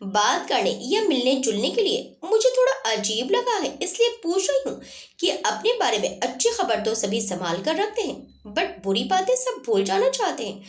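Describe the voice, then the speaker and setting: A woman's voice: high-pitched, wildly swooping pitch, moderate pace, pitched above the performer's own voice. A woman voicing a secretive young wife who answers carefully. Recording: roomy echo.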